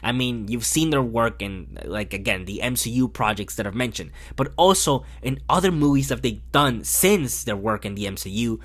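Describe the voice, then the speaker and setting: Man, film reviewer, casual review, blunt, exasperated, swears freely, lively swinging pitch. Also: moderate pace, few pauses.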